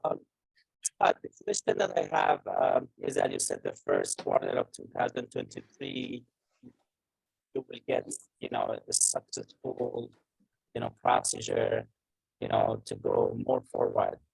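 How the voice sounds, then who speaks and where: A man's voice: medium pitch, wildly swooping pitch, creaky, a little mellow, breathy edge, no echo. Crackly staticky call audio, a man. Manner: halting, with many fillers. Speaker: audience member asking a question. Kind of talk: video call question. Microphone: video call device.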